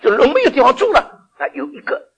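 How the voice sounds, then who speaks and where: An older man preaching a sermon, often asking the congregation questions and laughing as he swings between loud and quiet. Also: very high voice, big pitch swings, quick pace, gravelly, dull audio.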